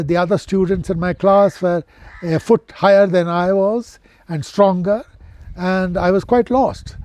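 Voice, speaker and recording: A man of ninety with a posh Indian accent, reminiscing as an interview guest in an educated, measured way with hesitant pauses. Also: high voice, a little mellow, no echo. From central India. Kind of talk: reminiscing in conversation.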